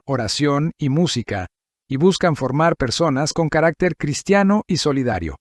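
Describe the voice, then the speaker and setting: Male narrator, somewhat high voice, steady list-like scripted read, dry booth sound. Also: no room sound. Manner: measured, list-like reading.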